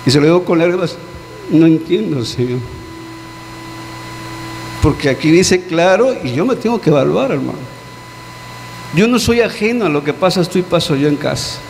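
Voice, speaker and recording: High-voiced pastor preaching. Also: male voice, animated, brisk, gravelly. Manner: earnest, questioning, dropping low on key words. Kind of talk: sermon. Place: church hall. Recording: long church-hall reverb with faint hum.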